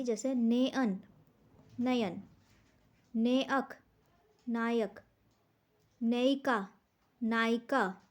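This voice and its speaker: A woman teaching an exam-prep grammar class in a high, bright voice. She talks slowly and patiently, puts a question to the class and then answers it herself. She draws out each example word with care. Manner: explains step by step, asks questions and answers them herself; says words and examples slowly and deliberately.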